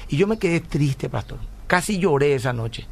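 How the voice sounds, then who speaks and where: A man's voice: a little high, expressive, normal speed, vocal fry, a little hiss or hum. Middle-aged man, radio pastor answering listeners, slightly raised voice, earnest storyteller. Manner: earnest storytelling, often asks "¿verdad?". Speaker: pastor and radio program host. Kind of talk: radio call-in talk, answering listener messages.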